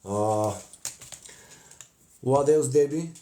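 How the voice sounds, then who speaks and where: Bulgarian man chatting on a craft live stream. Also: mid-range voice. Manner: chatty, warm thanks to viewers, frequent "uh" pauses. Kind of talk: casual live-stream chat while crafting. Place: cluttered home craft table, indoors. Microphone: phone camera close in front.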